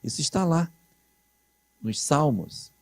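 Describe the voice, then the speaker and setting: A man's voice: a little high, lively intonation, slow, gravelly, darkish tone, no echo. A man giving a spiritist lecture, explaining scripture and quoting it with dramatic emphasis.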